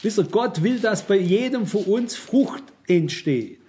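A man with a fairly high voice delivers a sermon with emphasis. He speaks directly to his listeners and keeps asking whether they understand. He sounds middle-aged. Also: animated, a little slow, warm tone. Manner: emphatic, addresses congregation directly with rhetorical questions. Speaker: preacher.

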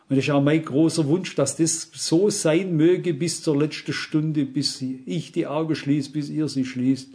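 Earnest, slightly high-voiced preacher man. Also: mellow. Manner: earnest, emphatic, keeps questioning the congregation. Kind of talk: sermon. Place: church service.

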